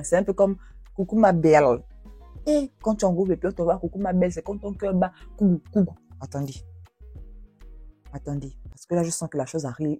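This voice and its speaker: Expressive woman with a husky, mellow voice. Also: lowish voice, no room sound. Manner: expressive, exclaims a lot. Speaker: YouTuber reading viewer stories. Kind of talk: storytelling with commentary.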